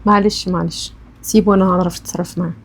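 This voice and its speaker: Calm Egyptian psychiatrist, played by a woman, rapid but steady and soothing. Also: fairly low pitch, gravelly. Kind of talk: web drama acting.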